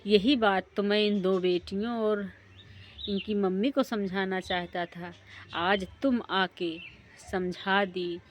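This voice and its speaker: A man's voice: sits high, steady tone, slow, a little hiss or hum. A woman voicing a worried older father who speaks earnestly.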